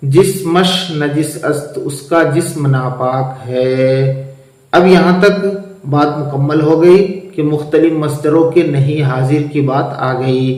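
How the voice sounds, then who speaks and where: Brief: male teacher, slightly raised pitch, patient line-by-line textbook explanations, recorded in a reverberant room. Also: slow, darkish tone. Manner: patient explaining, asks questions and answers them himself. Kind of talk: classroom-style lesson, reading and translating a textbook line by line.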